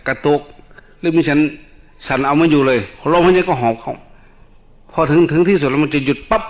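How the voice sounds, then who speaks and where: A male Buddhist monk, calmly explaining meditation in a dharma talk and mixing in English terms. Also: fairly high pitch, brisk. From Northeast Thailand. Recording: dull lo-fi recording.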